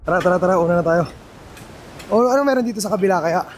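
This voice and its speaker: A woman's voice: fairly low pitch, fast talker, a little mellow, slight background noise. A woman vlogger chatting and narrating as she walks outdoors by a river. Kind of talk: casual vlog narration. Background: background music.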